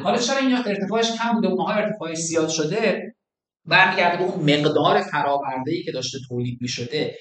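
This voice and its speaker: A man's voice: fairly high pitch, fairly bright tone. A middle-aged man giving a classroom lecture, explaining step by step and asking his students questions as he demonstrates on screen. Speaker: university lecturer.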